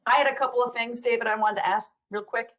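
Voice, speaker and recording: A woman's voice: fairly high pitch, fairly even intonation, quick pace, a bit bright, rough recording. A woman trustee asking questions at a board meeting over a video call, in a chatty way with many hesitations. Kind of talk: meeting discussion.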